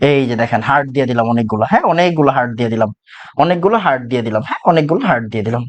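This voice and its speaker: A man's voice: mid-range voice, expressive, racing, highs cut off. A male chemistry teacher, giving an exam-prep lecture. He repeats key phrases over and over, asking questions and answering them himself. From Bangladesh.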